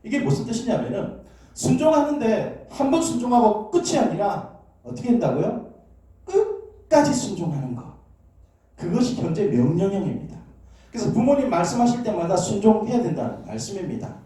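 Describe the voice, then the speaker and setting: In a church sanctuary, a pastor preaches a sermon in call-and-response style, asking questions and prompting amens to draw in the congregation. His voice sits high and sing-song with a warm tone at normal speed. The echoey hall is picked up by a distant mic.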